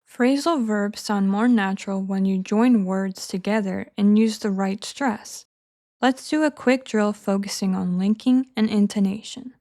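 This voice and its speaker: A woman narrating a scripted English lesson in a clear, measured, encouraging teaching manner. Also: medium pitch, warm tone.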